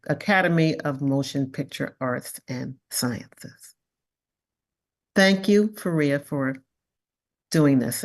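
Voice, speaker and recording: A woman hosting an online panel event, reading thanks and a guest's biography aloud. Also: sits low. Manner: reads acknowledgments and a bio aloud. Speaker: event host. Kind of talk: scripted event introduction.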